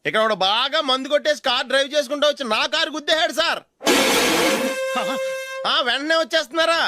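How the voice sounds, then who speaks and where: A man's voice: very high voice, quick pace, bright, forceful tone, soft background music, heavily acted. An actor playing a coaxing, wheedling driver trying to talk his way out of a crash. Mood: sly. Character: fast-talking pleading driver, man.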